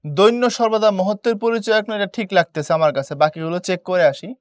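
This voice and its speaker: A man's voice: high-pitched, steady tone, brisk, no room sound. A man teaching a Bengali grammar lesson with a Bangladeshi accent. He explains step by step, often checks whether the students follow, and mixes in English words. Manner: explains step by step, asks "বুঝছো?". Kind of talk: admission test coaching lesson.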